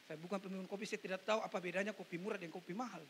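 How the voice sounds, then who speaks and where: A man's voice: high voice, steady tone, rapid-fire, a bit bright, a little hiss or hum. A man who is an evangelist preacher, preaching a sermon, often addressing listeners as brothers and sisters and acting out the people in his stories. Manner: acts out quoted speech in story sermons. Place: church, online service.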